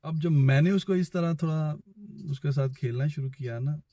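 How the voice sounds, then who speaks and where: A man's slightly high, warm voice moves at a moderate pace in a dry recording. He is a vlogger with a Pakistani accent, recounting a personal story conversationally and voicing both sides of remembered phone calls.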